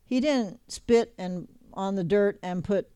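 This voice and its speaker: A preacher in the middle of a sermon, easing between relaxed, chatty asides and passages read aloud from scripture. The voice is smooth and resonant, recorded close and dry with no room around it. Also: medium pitch, takes it slowly, no room sound. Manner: conversational, reads scripture aloud, chuckles between points. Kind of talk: sermon and Bible teaching.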